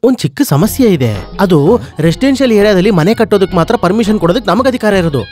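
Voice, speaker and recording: This is a corrupt village officer in a film, who talks in an airy, dismissive way and keeps putting off every request. His voice sits high for a man. Faint music plays under the scene. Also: animated, quick pace, darkish tone. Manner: dismissive, stalling, breezy. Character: lazy, evasive, bribe-hungry male village officer. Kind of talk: dubbed film dialogue.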